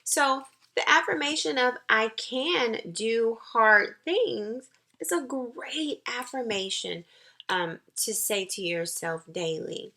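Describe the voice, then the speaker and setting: A woman school counselor gives young children an encouraging, nurturing talk, using deliberate, emphatic phrasing with pauses. Her voice is on the high side, animated, pushed and bright.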